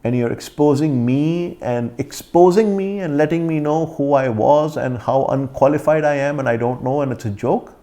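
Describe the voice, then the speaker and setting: A man's voice: a little high, normal speed, few pauses, mellow. A man with an accent giving an indignant rebuttal vlog, confronting his critic directly. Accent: foreign accent. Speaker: vlogger.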